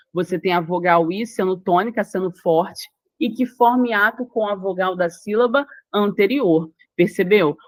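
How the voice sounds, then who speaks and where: A woman's voice: medium pitch, no room sound. Dry-voiced Brazilian woman teaching grammar. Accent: Brazilian Portuguese. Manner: explanatory, repeats key words and checks understanding with the listener. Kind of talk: recorded grammar lesson for exam prep.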